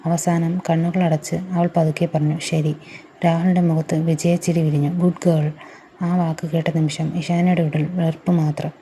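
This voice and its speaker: A woman narrating a romantic drama story in an even, measured way. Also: low-pitched, slight background noise.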